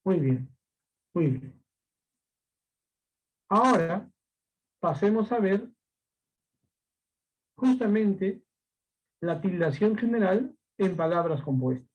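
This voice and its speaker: A man with a high voice teaches a language class, walking through each rule step by step. He keeps asking rhetorical questions and repeats his key points so students follow along. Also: animated, takes it slowly, pauses often, rough recording. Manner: patient, explains step by step. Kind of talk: recorded class lesson.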